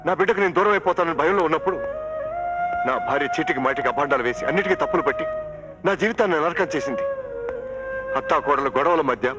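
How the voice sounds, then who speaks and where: An actor playing a struggling film director, pleading emotionally and shouting in anger in a film drama. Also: male voice, fairly high pitch, lo-fi sound. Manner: impassioned pleading turning to angry shouting. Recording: film soundtrack with loud music.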